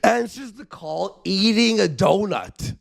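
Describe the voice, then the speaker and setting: A man doing casual live stream reaction commentary. His voice sits high and swings widely, and he is exclamatory and animated, taking his time over the words. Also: slow pace, vocal fry.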